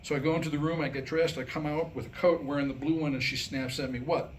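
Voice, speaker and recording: A man reads his own funny script to a small live audience in a wry, mock-scholarly style, with rhetorical questions throughout. His voice is fairly high and steady in tone, his pace quick, and the recording is very noisy.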